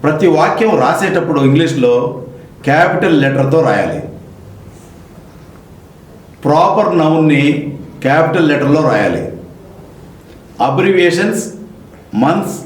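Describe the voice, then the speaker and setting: A man with a Telugu accent teaching spoken English, who spells words out slowly letter by letter and repeats each word with its meaning. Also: on the high side, expressive, echoey room, low-quality recording. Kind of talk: Telugu classroom-style lesson.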